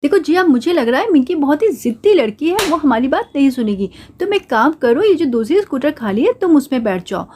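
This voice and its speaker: A woman's voice: sits high, big pitch swings, a little fast, hardly any pauses, darkish tone, slight background noise. A woman voicing a practical girl doll friend in a doll play story, talking in a matter-of-fact way.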